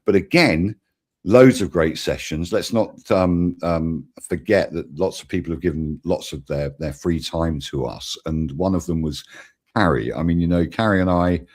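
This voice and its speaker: A man's voice: deep voice, normal speed, darkish tone. A man hosting a casual panel chat over a video call, rambling and joking, often breaking off mid-sentence. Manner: rambling, self-interrupting, jokey. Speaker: summit host.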